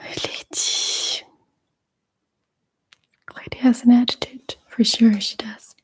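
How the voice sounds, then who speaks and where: A young native Russian speaker whispers softly and breathily during an ASMR stream, unhurriedly chatting as she answers viewers' questions and laughing often. Her voice is on the high side, with a flat delivery.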